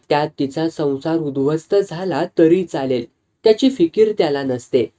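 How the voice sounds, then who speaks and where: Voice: mid-range voice, dark tone, natural voice. A storyteller voicing a frank village wife who earnestly explains things to her close friend. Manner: earnest, confiding, explaining at length. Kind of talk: storytelling with character voices.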